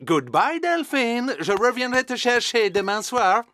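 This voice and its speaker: A man's voice: extremely high pitch, big pitch swings, a little slow, sharp tone, no echo, clean studio sound, heavily acted. A man voicing a friendly, helpful donkey in a dubbed cartoon, with a chatty manner. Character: friendly male donkey delivery driver.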